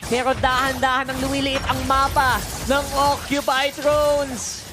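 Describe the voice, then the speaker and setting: A woman with a Filipino accent giving animated, exclamatory live commentary on an esports match. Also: high-pitched, moderate pace. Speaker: esports shoutcaster. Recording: loud music behind broadcast commentary.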